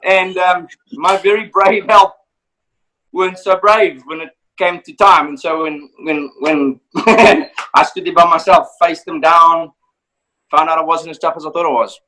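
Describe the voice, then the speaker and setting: High, bright-voiced man telling a story. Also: measured pace, rough recording. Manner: animated, laughing, acts out voices. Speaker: professional hunter. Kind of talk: casual storytelling.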